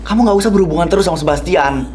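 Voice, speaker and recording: A man's voice: medium pitch, animated, fast, slight background noise, lightly acted. A young man voicing a jealous, sulking boyfriend who talks curtly and accusingly, in a dubbed youth drama. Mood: jealous, angry. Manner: curt and accusing. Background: background music.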